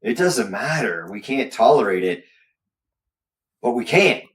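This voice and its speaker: A man chatting casually as he recounts things, halting and rambling, often trailing off mid-sentence. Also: medium pitch, very animated, distant mic. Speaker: guest, business owner recounting an incident.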